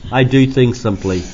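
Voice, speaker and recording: A man's voice: fairly high pitch, dull audio, very noisy. A man teaching a maths class in an informal, jokey, self-deprecating way, with frequent coughs between phrases. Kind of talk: classroom lesson, explaining step by step. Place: classroom with students.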